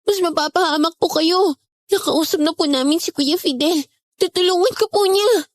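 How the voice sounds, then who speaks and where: A sweet urgent little girl voice, high and dry. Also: normal speed, no room sound. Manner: gentle, urgent, respectful. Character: polite earnest young girl, one of twins.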